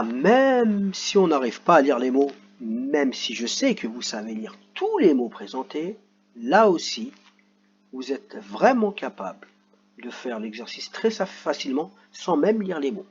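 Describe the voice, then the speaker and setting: A man's voice: mid-range voice, sing-song, measured pace, muffled recording, slight background noise. Playful man teaching reading to kids. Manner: playful, joking asides. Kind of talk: explaining reading exercises to children.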